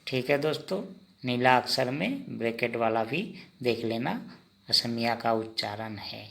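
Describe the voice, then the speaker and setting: A man teaching vocabulary in a slow lesson, asking the listener each word and then repeating the answer. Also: mid-range voice, creaky, a bit bright. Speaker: language teacher.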